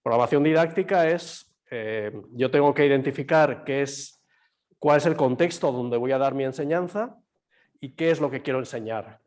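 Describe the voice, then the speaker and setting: Man, slightly hoarse, patient yoga teacher, video call mic. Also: mid-range voice, normal speed, darkish tone. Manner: explains patiently, quizzes students, many fillers. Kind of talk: online class lecture. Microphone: computer mic on a video call.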